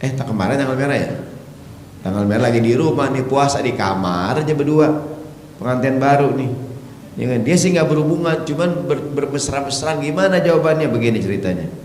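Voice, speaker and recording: A man giving a humorous sermon, joking with the congregation and acting out voices. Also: mid-range voice. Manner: joking, lively, acts out voices. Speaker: preacher. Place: mosque hall. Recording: echoey hall, faint background noise.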